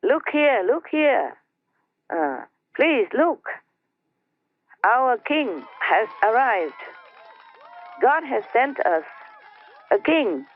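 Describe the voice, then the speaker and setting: A woman playing an excited herald proclaiming that a king has arrived, heard over a phone line. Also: mid-range voice, very slow, gravelly, pauses often, slightly rough, no room sound, pitched below the performer's own voice, heavily acted. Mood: jubilant. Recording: tinny dry phone line.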